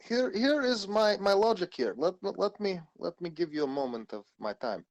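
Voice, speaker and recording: A man's voice: high-pitched, sing-song, moderate pace. A man arguing in character at a tabletop game, his voice swinging up and down as he pushes his point. His put-on Russian accent slips in and out. He talks stubbornly and keeps cutting in. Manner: argumentative, with a put-on Russian accent that comes and goes. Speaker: player. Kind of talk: in-character tabletop role-play.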